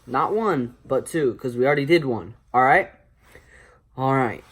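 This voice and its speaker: A young man with a medium-pitched voice talks casually to his viewers. He rambles along like a homemade vlogger, often repeating short phrases. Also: lively intonation, unhurried, fairly bright tone. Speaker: online video creator. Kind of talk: casual vlog chat.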